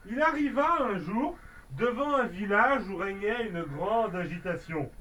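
A man's voice: sits high, expressive, measured pace, pushed and bright, far from the mic, a little hiss or hum. A father reading a children's storybook aloud at home, playful, adding sound effects and dramatic asides.

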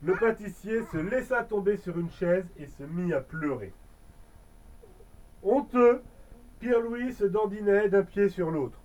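Man reading a bedtime story, high voice. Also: animated, measured pace, distant mic, lo-fi sound. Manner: gentle, chatty asides. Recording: voice a bit off-mic.

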